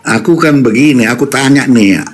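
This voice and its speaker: A man's voice: medium pitch, a little fast. A man calling into a live online debate, pressing his question over audio that keeps cutting out. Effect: choppy call audio that keeps breaking up.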